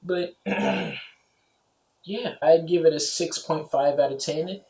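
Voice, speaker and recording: Slow and creaky, with huge pitch swings, a man with a higher, slightly mellow voice rambles through an offhand film review. His speech is scattered with "you know" and "like," recorded in an echoey, roomy home.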